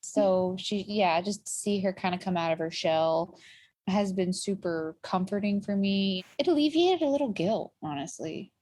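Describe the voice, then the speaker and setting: A communications director in her thirties guests on a podcast, chatting casually and peppering her talk with "like" and "you know." Her mid-range, slightly mellow voice has lively intonation at a normal speed, and the recording is dry.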